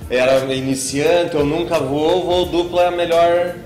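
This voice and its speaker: A man's voice: a little high, steady tone, normal speed, a little mellow, echoey room, faint music behind. A man from Brazil hosting an interview, asking informal questions with some hesitations.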